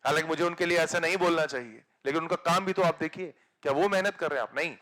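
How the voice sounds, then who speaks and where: High-voiced Hindi-speaking physics teacher exhorting students. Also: male voice, quick pace. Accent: Hindi, north Indian. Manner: exhorting, blunt, swings between soft and loud. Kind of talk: motivational classroom lecture.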